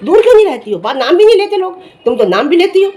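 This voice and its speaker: A woman's voice: extremely high pitch, very animated, fast talker, dark tone. A middle-aged woman giving heated, scolding commentary in a vlog, firing off rhetorical questions and challenges. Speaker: vlogger.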